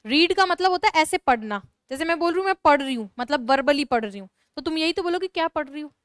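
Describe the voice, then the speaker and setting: High-voiced woman teaching grammar. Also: animated, fast talker, no echo, clean studio sound. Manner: repeats phrases emphatically, dictates notes. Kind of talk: classroom lesson explaining grammar.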